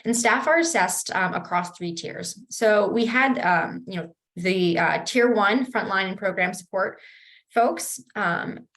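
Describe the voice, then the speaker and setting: A woman presents slides as project coordinator on a video call, her voice still a bit rough from the morning. She moves through the material briskly and in order, with frequent ums. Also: mid-range voice, fairly bright tone. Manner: brisk, organized presenting with fillers.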